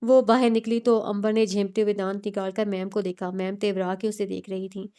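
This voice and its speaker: A woman narrating a novel with steady, expressive storytelling. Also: medium pitch, a little fast, smooth. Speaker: audiobook narrator. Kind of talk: novel reading.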